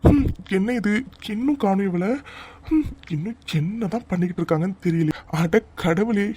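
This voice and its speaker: A woman's voice: medium pitch, expressive, normal speed, mellow, breathy edge. A woman playing a nervous lovestruck groom. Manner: muttering to himself, sighing. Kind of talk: cartoon voice acting.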